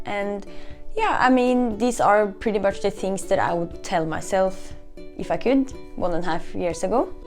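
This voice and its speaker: A woman's voice: medium pitch, measured pace, loud music behind the voice. A young woman from Norway talking reflectively in a casual vlog, often saying "you know". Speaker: vlogger.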